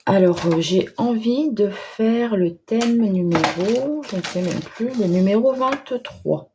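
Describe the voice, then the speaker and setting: A woman narrating a craft tutorial in a casual, hesitant way, pausing often with fillers. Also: medium pitch, noisy background. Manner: hesitant, many pauses and fillers, self-deprecating. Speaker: crafting vlogger.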